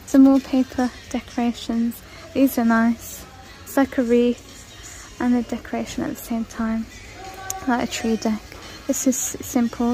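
A woman's voice: fairly high pitch, warm tone, low-quality recording. A woman casually walking through a large store, chatting and listing prices as she films on her phone. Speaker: shopping vlogger. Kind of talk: casual shop-with-me walkthrough. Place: large indoor retail store. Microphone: handheld phone camera.

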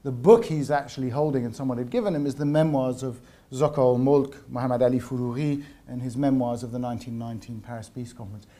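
A male lecturer speaks to a university seminar audience. His voice is mellow and dark-toned, sitting at an ordinary middle pitch. He often stalls on repeated words and fillers before he lands on the phrasing he wants. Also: fast talker. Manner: hesitant, repeats words while searching for phrasing. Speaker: visiting lecturer.

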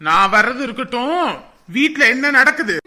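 Woman voicing an angry shouting husband. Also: high-pitched, animated, moderate pace, exaggerated voice. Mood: scolding. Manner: scolding, threatening, shouting. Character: angry middle-aged husband and father, bullying. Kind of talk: dramatic story voice acting.

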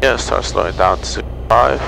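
Loud aircraft engine noise fills this rough recording of a man coaching as a flight instructor, issuing brief instructions through an aviation headset mic in a small airplane cockpit. He speaks at a moderate pace in a lowish, gravelly voice.

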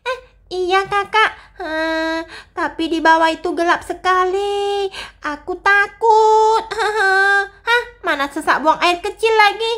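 A timid little girl, as voiced by a woman, whimpers and gasps in panic through a voice-acted game role-play. The voice sits extremely high. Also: slow, fairly bright tone, heavily acted. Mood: nervous.

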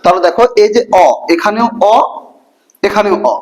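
Male teacher, a touch high-pitched, quizzes the class as he goes. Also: normal speed, low-quality recording. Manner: asks the class repeated questions, colloquial. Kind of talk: classroom grammar lesson.

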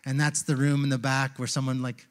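A man's voice: mid-range voice, level tone, fairly quick. Man preaching on a church stage. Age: 40s. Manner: conversational storytelling, turns hushed and reflective. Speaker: pastor. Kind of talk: sermon. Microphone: handheld mic.

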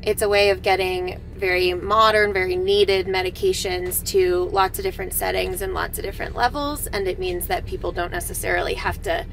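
A young woman talks fluently with a lot of vocal fry. She sits inside a parked vehicle. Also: lowish voice, steady tone, a little fast, hardly any pauses, fairly bright tone, a little hiss or hum, low-quality recording. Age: young adult. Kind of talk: interview.

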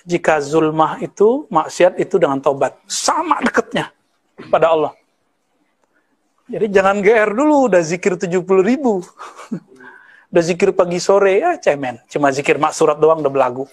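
A man's voice: sits high, lively intonation, moderate pace. A man in his thirties from West Sumatra, an Islamic preacher giving a conversational study lecture with Arabic terms and teasing asides. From West Sumatra, Indonesia. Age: 30s.

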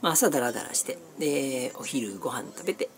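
Middle-aged snack-review vlogger, Kansai accent, colloquial and animated, mid-pitched, small noisy room. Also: brisk. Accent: Kansai Japanese. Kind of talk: casual snack-review vlog chat. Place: small cluttered room indoors. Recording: clearly noisy room recording with clicks.

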